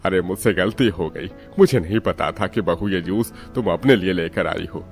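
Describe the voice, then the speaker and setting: A man voicing a kindly, humble old father-in-law in a cartoon story, speaking softly and apologetically. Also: low-pitched, normal speed, soft background music. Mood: gentle.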